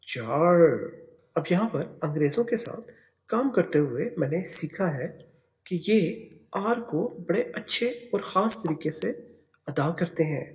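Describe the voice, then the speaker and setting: A man teaching English spelling and pronunciation, spelling words out letter by letter. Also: on the high side. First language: Urdu.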